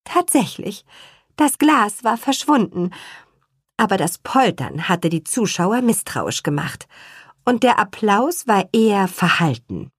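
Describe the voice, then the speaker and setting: A woman narrating a children's story with an expressive, measured reading style and a husky voice. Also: medium pitch, dry recording, studio quality. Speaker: audiobook narrator.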